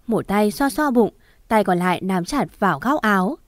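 A woman narrating a first-person story in a steady, measured way. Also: mid-range voice, no room sound, studio quality.

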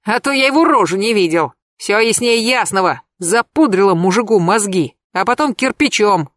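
A crude, suspicious young man yelling accusations in a jealous rage, as a woman puts him on. His voice runs a little higher than a plain male voice, and the storybook recording is close and dry. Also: lively intonation, moderate pace, no room sound, close to an everyday voice. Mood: angry. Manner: shouting accusations.

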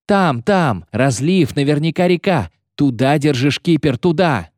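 A man voicing an excited sailor who shouts directions from the bow. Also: on the high side, unhurried, dry recording, studio quality, pitched above the performer's own voice. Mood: urgent. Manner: yelling, excited.

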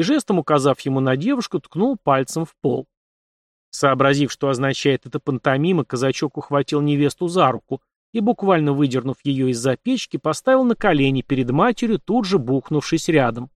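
A male narrator reads a story with an expressive, animated delivery. His voice is a little high and swings widely in pitch. The recording is close and dry. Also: no echo. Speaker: audiobook narrator.

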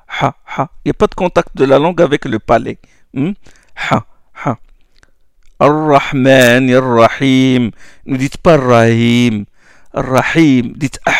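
A man teaching Quran recitation, explaining letter sounds slowly with many hesitations and checks like "hmm?", and demonstrating sounds aloud. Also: medium pitch, creaky, dry recording, clean studio sound. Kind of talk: slow classroom explanation.

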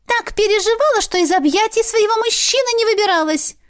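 A woman voicing a cheeky, nosy little female pet creature that squeals and teases in a drawn-out way. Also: very high-pitched, pitched above the performer's own voice. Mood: mocking.

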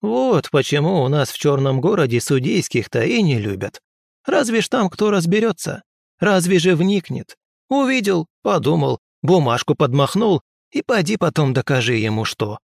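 Guy doing a bossy old witchy granny, scolding and cooing by turns, high and gravelly. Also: sing-song, normal speed, no room sound, studio quality, heavily acted. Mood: grumbling. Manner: scolding, folksy, cackling. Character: shrewd, bossy old village wise woman. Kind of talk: audiobook character voice.

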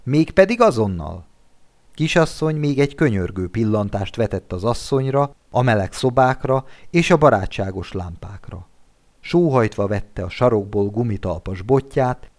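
A man reading a classic story aloud as an audiobook narrator, with an expressive delivery. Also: lowish voice. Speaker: audiobook reader. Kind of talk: literary narration.

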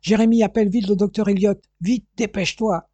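A man's voice: fairly high pitch, steady tone, moderate pace, dark tone, no room sound, natural voice. A man voicing an anxious, stern but loving father who gives urgent orders. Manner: urgent, commanding.

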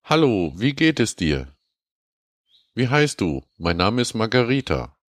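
A man's voice: lowish voice, very animated, measured pace, no echo, voice pushed up. A man voicing a young woman who writes stiff, broken spam emails, reading them in a raised voice. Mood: stilted.

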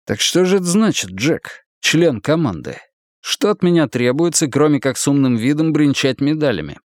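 A man voicing a weary, guarded former detective who speaks in terse, wry, measured lines. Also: on the high side, animated, no echo, studio quality, close to an everyday voice.

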